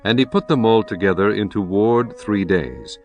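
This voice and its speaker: A man narrating scripture in a measured, solemn style. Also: on the low side. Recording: music bed behind voice.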